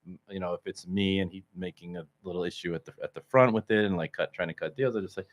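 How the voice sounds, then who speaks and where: Very low-voiced blunt man in his fifties. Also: steady tone, quick pace. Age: 50s. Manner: blunt, swearing, jokey, trails off quietly. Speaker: chiropractor, podcast co-host. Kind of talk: casual chat.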